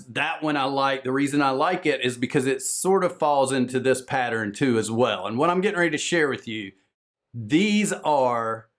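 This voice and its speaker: A medium-pitched man from the southern United States, speaking with a Southern American accent, gives a conference presentation on the podcast business. He talks fast, with lots of energy and a salesy pitch.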